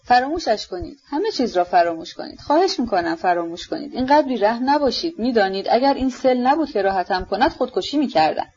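A man's voice: very high-pitched, lively intonation, few pauses, a little mellow, breathy edge, voice pushed up, full character voice. A woman voicing a despairing young man dying of consumption, pleading and self-pitying, in an audiobook reading on a dull lo-fi recording.

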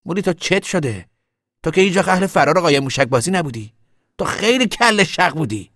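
An earnest young drifter. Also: male voice, a little high, expressive, a bit bright, dry recording, clean studio sound. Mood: insistent. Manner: earnest and insistent. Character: young male drifter, stubborn yet hopeful. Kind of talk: radio drama acting.

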